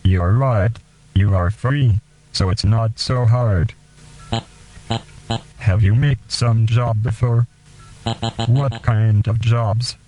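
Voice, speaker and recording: Radio host, slow and deliberate, dark low voice. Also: male voice, steady tone, soft background music, low-quality recording. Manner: slow, deliberate, halting phrasing. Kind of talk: radio show with poetry reading.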